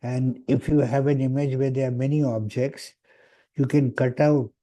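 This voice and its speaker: Man lecturing over a video call, dark-voiced. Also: mid-range voice, level tone, normal speed. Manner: hesitant, with frequent "uh" fillers. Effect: heard over a video call. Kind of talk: online lecture. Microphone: computer mic on a video call.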